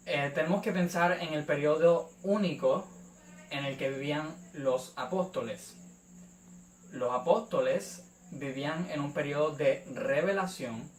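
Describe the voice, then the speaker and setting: Young Puerto Rican male host, deliberate and hesitant delivery, distant mic in an echoey room. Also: a little high, a little hiss or hum. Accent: Puerto Rican Spanish. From Puerto Rico. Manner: measured, frequent "eh" fillers. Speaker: YouTube channel host. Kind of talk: apologetics response video.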